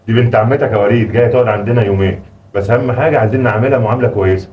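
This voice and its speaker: Rapid-talking Egyptian man, flustered father. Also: fairly low pitch, recorded from a distance, muffled recording. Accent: Egyptian Arabic. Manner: fast-talking, flustered and placating. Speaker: father in a family comedy sketch. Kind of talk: comic home sketch acting.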